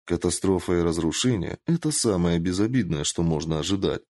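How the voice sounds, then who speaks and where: A man's voice: deep voice, expressive, a little fast, a little mellow, no echo. A man voicing a stern, hot-tempered young princess who speaks in a commanding, growling way.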